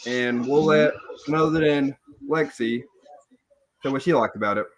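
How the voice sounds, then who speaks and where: A man's voice: mid-range voice, normal speed. A man hosting a casual podcast round-table, talking loosely and passing the turn to each guest. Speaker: podcast host. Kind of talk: casual group chat. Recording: lo-fi online call audio.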